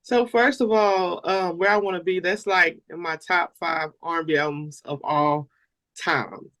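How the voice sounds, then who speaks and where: A woman's voice: fairly low pitch, steady tone, measured pace, fairly bright tone. An American woman chatting casually as a talk show guest, informal and slangy with repeated tag phrases. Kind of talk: casual chat.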